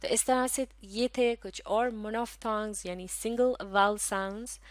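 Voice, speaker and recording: A woman from Pakistan gives a recorded English phonetics lesson with a Pakistani Urdu accent. She speaks patiently at a middling pitch, repeating each sound slowly several times. Her voice is dry and close to the mic. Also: fairly even intonation, no echo. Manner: patient, explains step by step. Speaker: English teacher.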